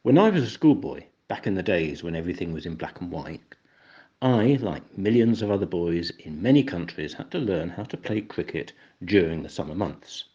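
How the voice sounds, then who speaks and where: A man's voice: deep voice, animated, moderate pace, mellow, breathy edge, lo-fi sound. An older English man with an English accent, narrating an educational explainer in a wry, dry-humored way. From England.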